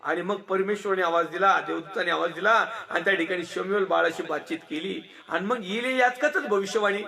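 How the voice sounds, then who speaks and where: Very high-pitched, bright male preacher. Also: fairly quick, vocal fry. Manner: animated, laughing and rhythmic lists. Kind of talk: sermon.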